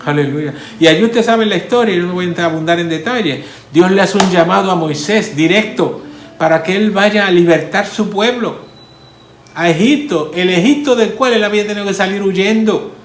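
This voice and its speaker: A male pastor preaching in a sermon style, his voice sitting a bit high for a man. He breaks in with hallelujahs and swells loud, then drops soft. The sound is echoey, with a faint guitar playing behind him. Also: normal speed. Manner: preaching with repeated hallelujahs, swelling and falling in force.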